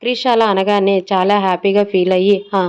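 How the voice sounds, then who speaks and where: A woman storyteller giving scripted narration of a romance serial in a steady, even way. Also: medium pitch, brisk. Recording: dull lo-fi audio.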